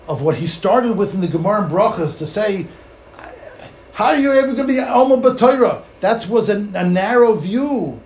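Rabbi guy preaching torah, pretty high voice, keeps repeating himself, roomy echo. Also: darkish tone. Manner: emphatic, repeats phrases, rhetorical questions. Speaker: rabbi giving a Torah lecture. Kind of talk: sermon, Torah lecture with storytelling. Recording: echoey room, faint background noise.

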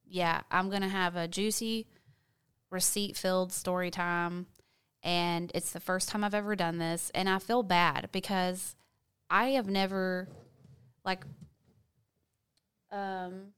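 Gossipy, candid woman with a very clear voice. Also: on the low side, level tone, slow pace, long pauses, fairly bright tone. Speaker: video blogger. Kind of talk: casual storytime chat to viewers.

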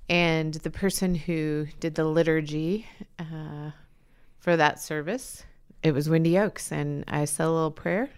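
A woman co-hosting a podcast in casual chat, chatty and quick to laugh. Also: low-pitched, darkish tone, clear, resonant tone. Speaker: podcast co-host.

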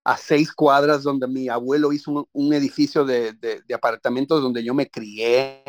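A middle-aged man speaks with a Puerto Rican Spanish accent, his voice at an ordinary pitch for a man. He tells his story thoughtfully in an interview, often restarting his sentences. The recording is close and dry, with no room sound. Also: steady tone, normal speed, dry recording. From Puerto Rico. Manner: reflective, warm storytelling with many restarts. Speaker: stage actor. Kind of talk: interview answers.

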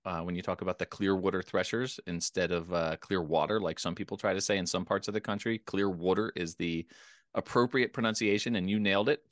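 A man's voice: deep voice, steady tone, fast, a bit bright, no room sound, studio quality. A middle-aged American man from Philadelphia co-hosting a podcast, chatting casually in a wry, talkative way. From Philadelphia, United States. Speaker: podcast co-host.

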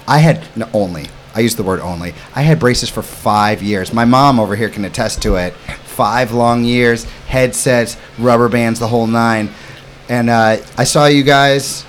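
A man's voice: medium pitch, a little hiss or hum. Chatty man hosting a casual podcast. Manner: informal, chatty, upbeat slangy talk. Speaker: podcast host, summer camp owner. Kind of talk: casual interview with children.

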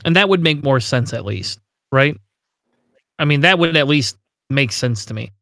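A man co-hosting a casual game podcast, talking with emphatic disbelief and laughing often. His voice sits at an ordinary middle pitch. The sound is dry and close. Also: animated, normal speed, fairly bright tone, no echo. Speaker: podcast co-host. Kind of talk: casual tabletop game discussion.

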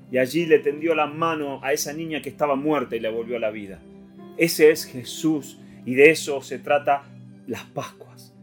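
A man with a Rioplatense Spanish accent preaching an Easter sermon, swinging from loud declarations to hushed lines. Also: on the high side. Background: soft guitar music.

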